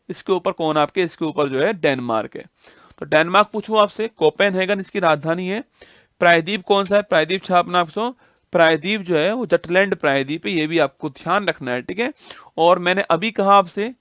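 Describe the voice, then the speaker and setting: In an online exam-prep geography class, a man with a high, slightly bright voice drills students through repetition, asking questions and answering them himself while restating key facts again and again. The recording is dry.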